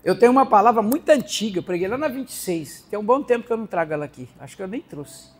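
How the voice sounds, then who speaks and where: A woman with a Brazilian accent preaching a sermon in a church service, animated, laughing as she speaks and acting out the voices she quotes. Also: mid-range voice, fast, husky.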